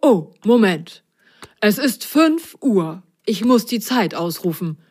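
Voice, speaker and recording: A woman voicing a fussy male cuckoo in a children's story, brisk and slightly annoyed. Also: mid-range voice, sing-song, a little mellow, husky, voice pushed up, full character voice. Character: fussy male cuckoo who calls the hours.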